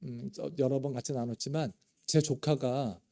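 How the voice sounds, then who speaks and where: A man's voice: medium pitch, steady tone, normal speed, gravelly, dark tone. A middle-aged male pastor delivering a sermon, acting out quoted prayers with mounting feeling. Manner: emotive, dramatizing quoted prayers with rising intensity.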